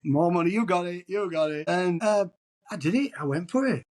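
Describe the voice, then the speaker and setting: In a casual interview, a middle-aged tribute singer from England speaks a little fast and sounds animated. His husky, darkish voice sits high, and he rambles self-deprecatingly with restarts.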